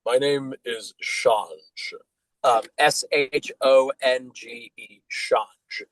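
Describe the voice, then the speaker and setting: Man voicing a grizzled old orc for a tabletop game, low, hushed and weary, dry close sound. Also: steady tone, no echo, low-quality recording. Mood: gentle. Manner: weary, quiet and slow.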